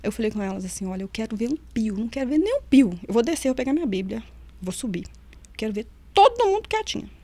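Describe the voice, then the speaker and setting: A middle-aged woman tells her memories as an interview guest, in a fairly high voice. She is a vivid storyteller who acts out the people she quotes. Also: lively intonation, fast talker, mellow, dry recording. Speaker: nutritionist and former prison officer, guest.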